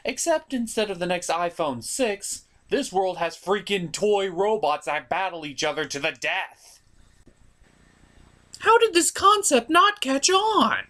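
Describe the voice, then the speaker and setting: Hosting a comedy review program, a man with a voice on the high side reads a script theatrically. His narration is animated and over the top, tinged with mock exasperation.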